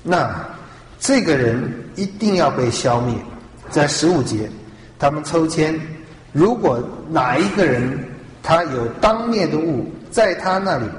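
A man's voice: medium pitch, a little hiss or hum. A man preaching a sermon with emphasis, putting rhetorical questions to his listeners. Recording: echoey hall with long reverb.

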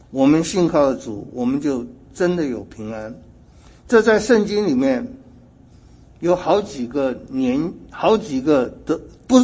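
A man's voice: fairly high pitch, darkish tone, slightly rough. A man preaching a sermon in an earnest way, asking rhetorical questions and correcting himself as he goes.

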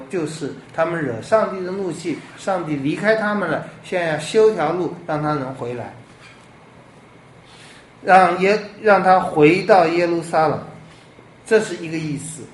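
A man preaching a sermon as a pastor, animated, with rhetorical questions and big swings in loudness. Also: fairly high pitch, moderate pace. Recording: echoey room with faint ambience.

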